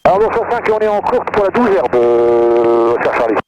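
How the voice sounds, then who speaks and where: A man's voice comes over an aircraft radio from another plane, thin and distant. He speaks fast and raised, with a lively rise and fall. Loud engine noise fills the background. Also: mid-range voice, lo-fi sound. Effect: received over an aircraft radio. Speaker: another pilot on the frequency.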